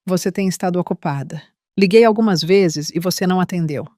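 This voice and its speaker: A woman voicing a calm, caring mother with a warm, slow way of speaking. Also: on the low side, no echo, clean studio sound, close to an everyday voice. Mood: gentle concern. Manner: soft, unhurried and caring. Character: gentle calm mother of a grown daughter.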